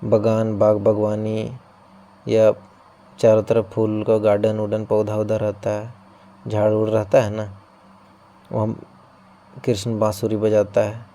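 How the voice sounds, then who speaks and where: A male teacher runs an exam-prep lesson, building playful memory tricks for his students. His voice is low and very dark, and it stays fairly flat in tone. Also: unhurried, pauses often. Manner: explains through playful memory tricks, often checks in with "theek hai". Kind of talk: coaching-class lesson.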